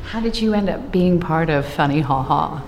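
A woman's voice: deep voice, expressive, normal speed, a little mellow, slight background noise. A woman hosting an arts interview, putting questions and introductions to her guest.

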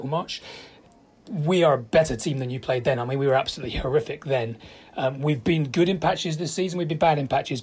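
A man's voice: mid-range voice, a little mellow, slightly rough. A man in his thirties from Portugal, a guest football fan chatting casually about his club. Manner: chatty, rambling fan opinions. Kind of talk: casual phone-in chat.

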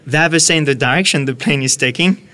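A man with a French accent, a podcast guest explaining his views in a measured, earnest way. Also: fairly high pitch, bright, forceful tone. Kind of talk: podcast interview.

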